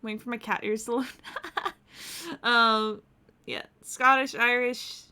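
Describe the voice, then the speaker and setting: A woman's voice: a little high, fairly even intonation, slow pace, pushed and bright, smooth. A woman from the United States chatting casually and profanely on a game stream, laughing often. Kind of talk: casual live-stream chat.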